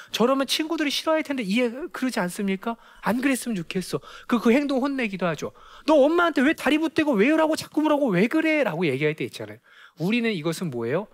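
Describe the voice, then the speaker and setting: A man giving a lecture to parents, who asks the audience rhetorical questions and acts out children's voices. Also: high voice.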